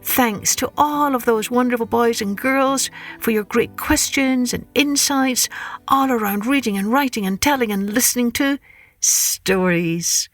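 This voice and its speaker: A woman hosting a children's story podcast, reading scripted tales in an expressive, carefully phrased way. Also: a little high, unhurried, faint music behind.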